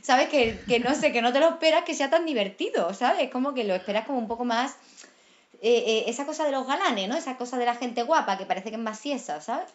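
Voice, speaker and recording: A woman with a strong Andalusian accent tells stories in a casual chat, her voice sitting a little high. She is lively and laughs often. The recording is somewhat dull and lo-fi. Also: a little fast. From Andalusia, Málaga. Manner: lively storyteller, laughs often, says "tía" and "¿sabes?". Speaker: guest actress. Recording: dull lo-fi sound.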